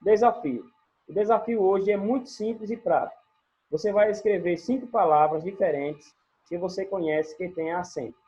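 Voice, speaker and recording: A teacher with a Brazilian accent giving a recorded online grammar lesson, explaining in a measured way and listing examples word by word. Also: mid-range voice, dark tone. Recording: dull lo-fi recording with faint music.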